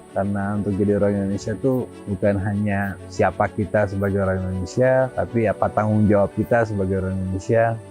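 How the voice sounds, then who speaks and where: A man's voice: fairly low pitch, darkish tone, low-quality recording. A man hosting a travel vlog in an easygoing, agreeable manner with casual slang. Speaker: vlog host. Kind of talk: vlog narration and chat.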